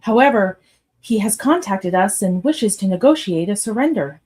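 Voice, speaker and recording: A woman's voice: medium pitch, lively intonation, moderate pace, a little mellow, husky. A woman voicing a humble, formal alien envoy in a radio play, speaking with deference. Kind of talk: radio theatre acting.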